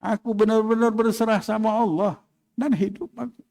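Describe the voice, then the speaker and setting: Calm pious talking dog told by a man, gently reproachful, in a fairly high voice, in a sermon tale. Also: normal speed, gravelly, in a large hall. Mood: gentle reproach. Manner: gently reproachful, plain-spoken.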